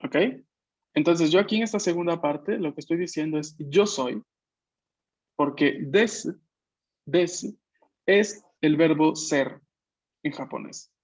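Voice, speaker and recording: A man's voice: fairly high pitch, unhurried, pauses often, lo-fi sound. A man teaching a Japanese class online, explaining patiently and checking that his students follow. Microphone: video call.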